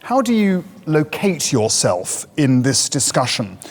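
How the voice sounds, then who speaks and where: A man moderating a seminar panel, introducing speakers in a formal, steady way. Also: on the high side, unhurried.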